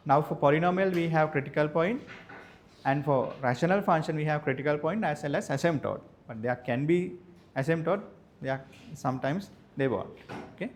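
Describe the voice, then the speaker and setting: A male maths teacher, dictating lecture notes slowly and repeating each phrase so students can write it down. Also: fairly high pitch. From Sri Lanka. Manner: repeats phrases slowly for note-taking, spells words out.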